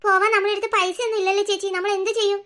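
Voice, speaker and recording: A woman's voice: very high voice, little pitch movement, rapid-fire, bright, forceful tone. A woman voicing a chirpy younger sister in a cartoon, asking worried questions. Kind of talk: cartoon voice acting.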